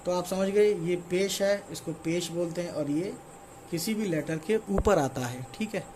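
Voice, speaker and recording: High-voiced man teaching letters slowly. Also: noisy background. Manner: repeats "theek hai" after each point, slow spelled-out letters. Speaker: Urdu teacher. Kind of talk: casual online lesson.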